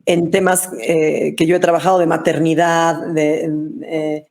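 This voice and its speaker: A woman's voice: low voice, little pitch movement, unhurried, a little mellow. A woman on a webinar panel, speaking thoughtfully with hesitant restarts.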